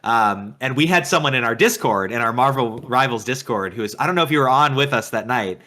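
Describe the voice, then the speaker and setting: A man co-hosting a casual gaming podcast, excitable and laughing often. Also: medium pitch, brisk. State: tired late at night. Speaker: podcast co-host.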